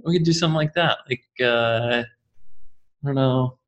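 A man co-hosting a podcast, chatting casually with lots of fillers and jokey jumps in pitch. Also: measured pace, fairly bright tone, muffled recording. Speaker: podcast co-host. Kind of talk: casual chat leading into a product discussion.

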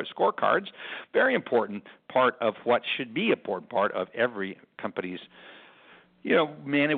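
A man's voice: on the low side, creaky. A man hosting a business podcast in a casual, rambling way with frequent self-corrections, speaking in an echoey room. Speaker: podcast host. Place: rented airport conference room. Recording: echoey room, phone-like narrow sound. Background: room echo.

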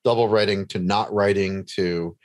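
Guy with a really low voice hosting a chat, rambly, very dry sound. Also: fairly even intonation, moderate pace, no room sound. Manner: rambling, many fillers and restarts. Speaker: podcast host interviewing a guest. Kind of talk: casual conversational interview.

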